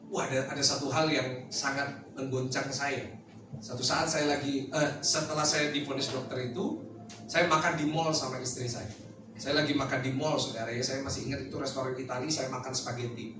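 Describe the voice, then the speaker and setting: A man in his thirties, a pastor giving a lively testimony sermon and talking straight to the congregation with jokes. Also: mid-range voice, background noise. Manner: lively storytelling, addresses the listeners directly, jokes. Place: large church hall. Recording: very echoey hall, mic far off, music behind.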